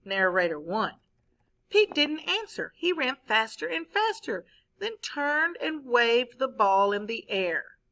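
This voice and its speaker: A woman's voice: on the high side, takes it slowly, low-quality recording. A woman teacher, reading a story aloud to her class and stopping to ask questions. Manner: expressive, asks the class questions.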